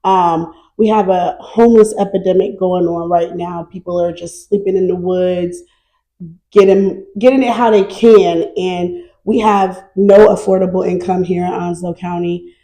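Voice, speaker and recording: A middle-aged woman from North Carolina, chatting lively and easily as an interview guest. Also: lowish voice, measured pace, low-quality recording. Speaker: guest, nonprofit founder. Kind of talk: casual interview chat.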